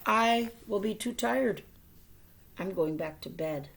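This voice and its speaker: A woman's voice: medium pitch, slow, gravelly, a little hiss or hum. A woman voicing a grumpy, sleepy, reluctant toad in a children's storybook. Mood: weary, stubborn. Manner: grumbling, reluctant. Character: grumpy, sleepy male toad who wants bed. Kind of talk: children's storybook character reading.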